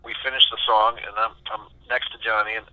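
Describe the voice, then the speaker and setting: A guitarist answering interview questions as a lively storyteller who acts out the voices of the people he quotes. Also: lowish voice, fairly quick, no echo, muffled recording. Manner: animated, acts out quoted voices, many restarts. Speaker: session guitarist, interview guest.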